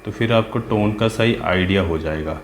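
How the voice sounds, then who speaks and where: Art teacher, male, low voice, patient casual tutorial tone, echoey room. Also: moderate pace, a little hiss or hum. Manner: patient, talks while working, asks "है ना?" and "ठीक है?" often. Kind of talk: casual step-by-step drawing tutorial. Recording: roomy with faint ambience.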